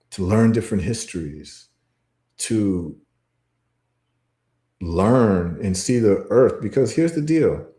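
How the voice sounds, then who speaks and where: A man's voice: fairly low pitch, mellow, echoey room. A man from Ghana talking in a casual show monologue, emphatic and repetitive as he tells stories. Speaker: podcast guest.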